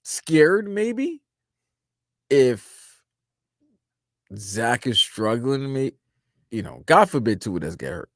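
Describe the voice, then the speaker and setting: A man's voice: fairly low pitch, sing-song, unhurried, fairly bright tone, no echo, studio quality. A man co-hosting a sports radio show, breaking down the game emphatically, restarting his sentences. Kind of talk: postgame radio analysis.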